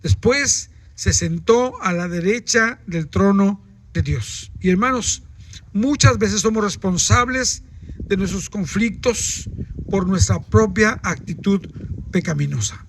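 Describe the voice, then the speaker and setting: A man's voice: high voice, expressive, slow, slight background noise. A man, a pastor preaching a sermon and putting rhetorical questions to the congregation.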